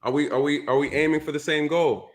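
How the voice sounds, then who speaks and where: A man's voice: on the high side, fairly even intonation, quick pace. A man hosting a casual call-in show, speaking emphatically and repeating his points. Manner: emphatic, repetitive preaching cadence. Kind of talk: casual live-stream talk.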